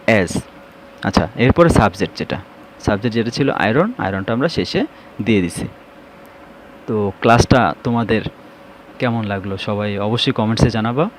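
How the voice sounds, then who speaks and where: A man's voice: on the low side, a little hiss or hum. A man teaching an English grammar lesson, explaining step by step and answering his own questions.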